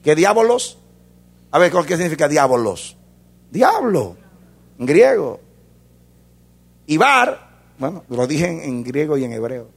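A male pastor preaching with a gravelly, husky edge to his voice. His delivery swings between loud fervor and hushed intensity, and his pitch leaps all over the place as he drives each point home. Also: big pitch swings, takes it slowly, pauses often. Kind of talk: sermon.

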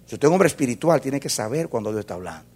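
A man preaching a sermon as a pastor, swinging between loud fervor and hushed intensity. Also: medium pitch, very animated, very fast, breathy edge.

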